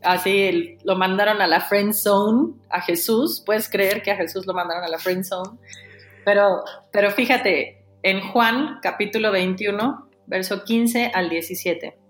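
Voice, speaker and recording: A woman preaching a sermon, animated, acting out the dialogue in a lowered voice. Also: unhurried, echoey room, faint music behind.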